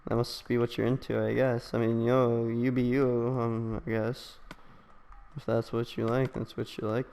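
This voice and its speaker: A man in his twenties rambling and teasing in heavy bro slang as he hosts a gaming video. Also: medium pitch. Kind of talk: rambling joking commentary. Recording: long reverb.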